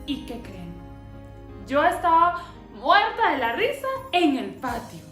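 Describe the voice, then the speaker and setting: A woman telling a children's story in a lively way, often asking the children questions. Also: sits high, slow pace, echoey room, soft background music.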